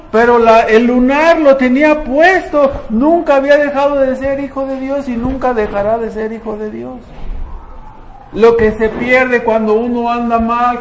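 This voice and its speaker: A man's voice: very high-pitched, a little hiss or hum. A man preaching a conversational sermon, often asking the congregation rhetorical questions. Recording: echoey room, faint ambience.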